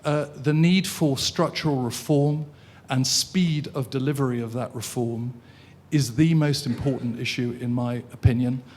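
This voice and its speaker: A man's voice: mid-range voice, normal speed, a little mellow. Formal man commenting from the floor. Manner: formal, hesitant with fillers. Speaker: audience member commenting. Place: conference hall.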